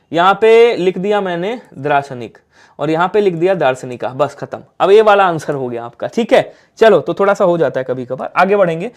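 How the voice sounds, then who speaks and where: A man with a Hindi accent leads a live online exam-prep class. He talks in a lively, coaxing way, asking questions and answering them himself. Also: high-pitched. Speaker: teacher.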